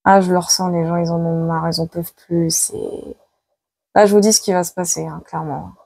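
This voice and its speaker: A woman's voice: on the low side, little pitch movement, brisk, vocal fry, dark tone, dry recording. A woman psychic giving dramatic predictions during a card-reading video, repeating her words with many exclamations and sounding worn out by the heat. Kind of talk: live tarot prediction video.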